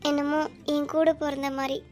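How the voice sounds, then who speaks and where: A woman's voice: high-pitched, little pitch movement, moderate pace, natural voice. A woman voicing a playful, cheeky young wife in a cartoon, speaking with a Tamil accent. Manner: bright, playful, chatty. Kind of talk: cartoon voice acting. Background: faint music.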